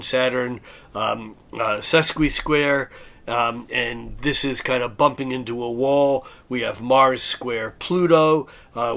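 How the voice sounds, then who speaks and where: A hoarse man with a raspy voice, recovering from illness, speaking as an astrologer in a methodical forecast monologue that goes through dates and planetary aspects one by one. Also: medium pitch, a bit bright.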